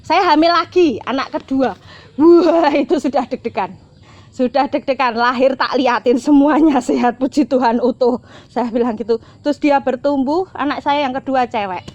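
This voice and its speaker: High-voiced woman telling her story. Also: normal speed, no echo. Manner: heartfelt, repeats herself, swings between bright and hushed. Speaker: interview guest. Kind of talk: personal storytelling in an interview. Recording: slightly dull lo-fi sound.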